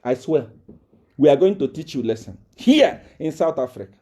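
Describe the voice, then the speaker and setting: A man delivers a live-streamed rant, swinging his pitch widely up and down. His tone is dark and mellow as he boasts, threatens and repeats himself over and over. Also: very animated, moderate pace. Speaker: self-styled prophet addressing viewers. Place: South Africa.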